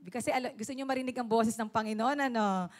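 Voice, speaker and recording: Animated woman preaching. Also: on the high side, quick pace. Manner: animated, laughing, calls for "Amen?" often; switches between Tagalog and English. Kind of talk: sermon.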